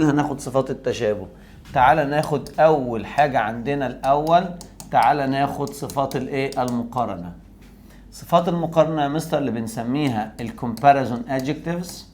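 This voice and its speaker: A man's voice: medium pitch, a little mellow. Male teacher, Egyptian Arabic accent, recorded grammar lesson. Asks and answers his own questions, drags out example words. Faint noise and keyboard typing behind him. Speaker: English teacher.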